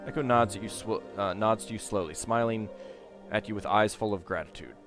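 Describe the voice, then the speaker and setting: A man's voice: fairly low pitch, a little fast. A man hosting a let's play, reading game text aloud and adding casual commentary. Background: game music.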